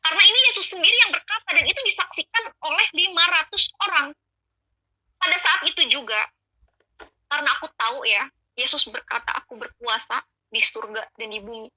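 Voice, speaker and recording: Earnest high-voiced woman sharing her testimony. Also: fairly quick, bright, forceful tone, slight background noise, low-quality recording. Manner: earnest, emotional, addresses listeners as friends. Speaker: convert giving a testimony. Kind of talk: spoken personal testimony.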